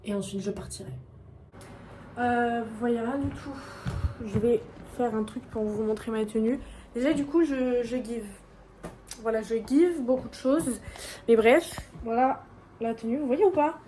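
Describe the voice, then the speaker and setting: A young woman chats into her phone at home as she gets ready, rambling and poking fun at herself in slangy, casual talk. Her slightly high voice is soft and mellow. It sounds distant from the mic, in an echoey room with a faint hiss behind. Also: a little slow, long pauses. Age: young adult. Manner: chatty, rambling, self-mocking, slangy. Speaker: vlogger. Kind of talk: casual vlog chat.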